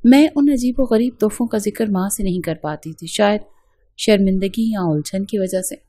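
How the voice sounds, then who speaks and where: A woman telling a scripted story in the first person, in a steady and even way. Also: medium pitch, breathy edge, no room sound.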